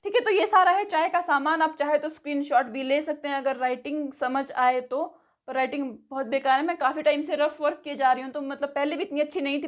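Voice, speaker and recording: A woman giving a casual vocabulary lesson, repeating each word slowly, spelling it out letter by letter and checking in after each item. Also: high-pitched. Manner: says "theek hai" after nearly every item. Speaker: spoken English teacher.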